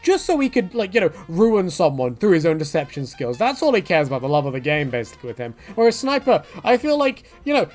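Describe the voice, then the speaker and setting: A man, a video creator, gives casual, rambling opinion commentary, jokey and conversational, often slipping into mock quotes. His voice is high, sing-song and a little mellow, and he talks fast with hardly any pauses. Faint music plays behind him.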